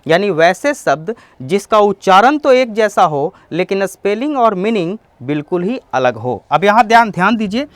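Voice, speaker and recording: Male English tutor, animated pitch, dry close recording, explains then restates. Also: moderate pace, no room sound. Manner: explains each term, then restates it in simpler words. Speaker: English teacher. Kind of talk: bilingual vocabulary lesson.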